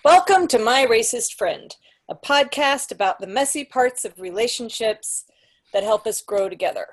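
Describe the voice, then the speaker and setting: A woman's voice: on the high side, expressive, normal speed. A woman co-hosting a podcast in casual chat, careful and considerate as she talks. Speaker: podcast co-host.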